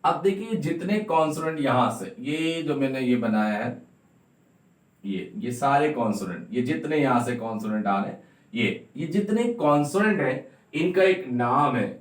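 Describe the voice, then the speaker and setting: Male teacher, deliberate drilling delivery, echoey room, mic set back from him. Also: mid-range voice, animated, distant mic. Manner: slowly repeats and drills each sound, spells words letter by letter. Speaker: English teacher. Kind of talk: classroom-style phonetics lesson.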